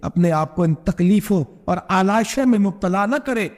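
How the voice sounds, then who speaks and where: Impassioned preacher in echoing hall. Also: male voice. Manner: impassioned, acts out dialogue with sharp pitch swings. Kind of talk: Urdu religious sermon with storytelling.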